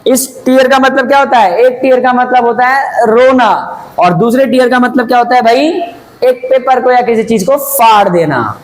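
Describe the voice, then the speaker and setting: In a rough recording, a very high-pitched man speaking at normal speed gives a Hinglish lesson on English grammar. He blends English phrases into his Hindi, spells out words letter by letter, and patiently answers his own questions, calling listeners "bhai."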